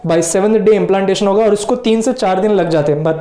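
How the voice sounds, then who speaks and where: A man teaching biology in a lecture, mixing Hindi and English and drawing out key terms slowly. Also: sits high, warm tone, roomy sound. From India. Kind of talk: whiteboard lecture.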